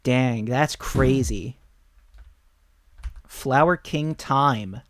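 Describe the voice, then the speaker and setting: A man giving excitable, rambling live commentary while streaming a video game. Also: mid-range voice, drawn-out words, background noise. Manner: excitable, rambling, exclaims often.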